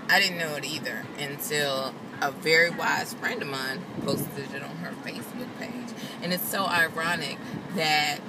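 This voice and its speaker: A woman's voice: low-pitched, fairly even intonation, unhurried, few pauses, very noisy. Chatty young woman reporter. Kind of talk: casual chat. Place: inside a car. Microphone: phone at arm's length.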